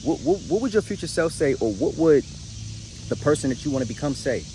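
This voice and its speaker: A motivational vlogger, an American man in his late twenties, talks casually and directly to his audience with emphasis and slang, repeating words and phrases for weight. His slightly high, mellow voice moves a bit quickly with big pitch swings. Clear background noise makes the recording noisy.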